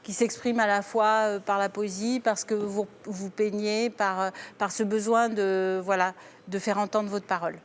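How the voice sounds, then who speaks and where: A woman on a talk show panel offering gentle, reflective psychological advice, pausing often to find her words. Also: medium pitch, level tone. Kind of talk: therapeutic commentary.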